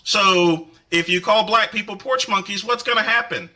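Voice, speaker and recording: A man's voice: high-pitched, normal speed, bright, forceful tone, low-quality recording. A man from North Carolina delivering a combative, scolding rant straight to the camera, tacking the word "there" onto many sentences. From North Carolina, USA. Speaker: online commentator. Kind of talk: angry direct-to-camera rant.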